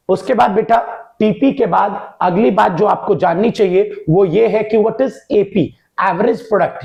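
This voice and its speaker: A man's voice: sits high, creaky, a little mellow. A male tutor giving an exam-focused economics lesson, calling students "beta" and repeating each term in two languages. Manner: addresses students as "beta" and "bachcha", repeats points in Hindi and English.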